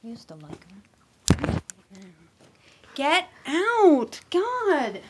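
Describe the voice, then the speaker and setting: High, lively woman griping at home. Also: very slow, very noisy. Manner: complaining, swearing, exasperated. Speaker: mother getting dressed to go out. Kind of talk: casual home video chat. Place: small bedroom closet at home, indoors. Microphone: handheld camera filmed by her child.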